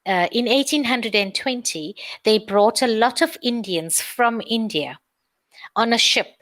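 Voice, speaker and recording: A woman from South Africa teaching English, asking friendly questions in an unhurried way with many fillers. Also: on the high side, fairly bright tone. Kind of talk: conversation lesson on a call.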